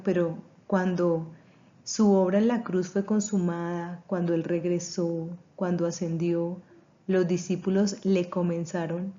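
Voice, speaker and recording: A woman's voice: fairly low pitch, mellow, muffled recording. A woman teaching a seminary class on church history, speaking earnestly with a preaching tone. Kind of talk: recorded class introduction.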